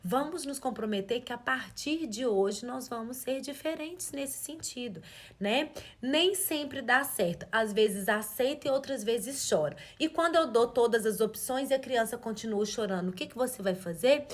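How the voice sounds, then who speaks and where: A woman's voice: a little high, expressive, moderate pace. A woman, giving a live parenting talk in an earnest coaching way and asking rhetorical questions. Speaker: parenting educator.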